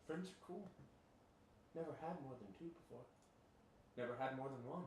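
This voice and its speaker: A woman playing a dim-witted, naive young woman thief who talks slowly and simply. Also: very deep voice, background noise. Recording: roomy echo, mic far off.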